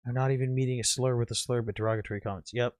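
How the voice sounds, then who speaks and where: A man's voice: mid-range voice, steady tone, racing, a little mellow, no room sound. A young man hosting a live online debate, combative and mocking, swearing often as he presses his opponents. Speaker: livestream debate host.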